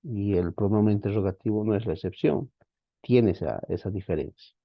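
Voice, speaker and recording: This Greek teacher, a man with a fairly low, gravelly voice, lectures an online class on grammar at a moderate pace. He is patient, goes over points again, and keeps checking in with students. The audio is dry, slightly dull, and echo-free, as if from a plain lo-fi mic.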